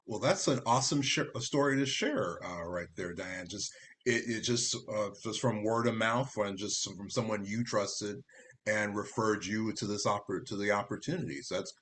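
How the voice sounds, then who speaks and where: Man, interview host, low voice, rambling with fillers, faint hiss behind. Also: normal speed. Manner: warm, rambling with many restarts and fillers. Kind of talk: casual interview over video call.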